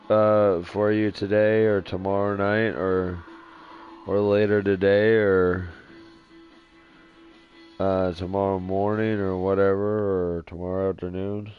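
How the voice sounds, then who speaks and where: A man live-streaming a game from his dim living room, rambling in a sleepy, drowsy monotone. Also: sits low, slow. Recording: dull lo-fi stream audio with faint music.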